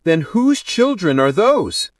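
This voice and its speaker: A tense young bride, sharp and demanding, as a male narrator puts her on. The voice sits raised and clipped, in a dry, close recording. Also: sits high, very animated, slow pace, no echo, voice pushed up, full character voice. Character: anxious angry young bride.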